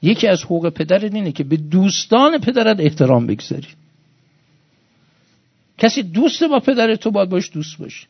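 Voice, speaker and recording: A male preacher with a gravelly, slightly high voice gives an emotional sermon. He drops to hushed storytelling, then rises to loud, high exhortation. The recording sounds dull and lo-fi. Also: very animated.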